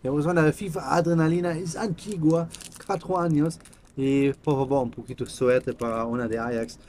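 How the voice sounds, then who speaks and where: A man in his thirties, a native German speaker with a German accent, chatting casually in halting, simple non-native Spanish as a vlog host. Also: a little high, fairly even intonation, a little mellow, slight background noise. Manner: halting, simple broken phrasing. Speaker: host of a card-opening channel. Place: small room indoors.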